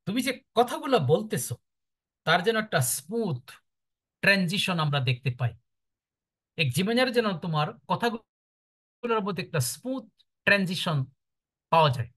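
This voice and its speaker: A man with a Bangladeshi accent, a teacher giving firm, emphatic advice to his students in a lecture. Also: high voice. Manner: firm, instructive, lively emphatic delivery.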